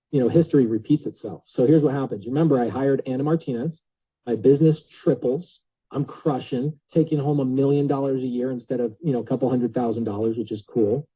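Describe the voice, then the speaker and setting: Guy on a coaching call, husky low-key tone, chatty storytelling straight at the group. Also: rough recording. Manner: energetic, chatty, addresses listeners directly. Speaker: guest speaker on a coaching call.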